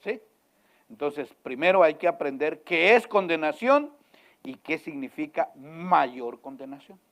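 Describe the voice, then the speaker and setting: Emphatic male preacher, slightly high voice. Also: lively intonation, unhurried. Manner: emphatic preaching with sudden swings from loud to hushed; asks the congregation questions again and again. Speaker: pastor. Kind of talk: sermon.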